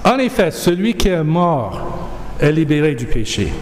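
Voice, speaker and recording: A man preaches in a slow, deliberate way, leaning on key words as he reads scripture. His voice sits a little high for a man. It rings through a reverberant church hall over a faint room hum. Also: sing-song. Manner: slow, measured, emphatic delivery. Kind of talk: sermon with scripture reading. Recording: echoey hall, faint ambience.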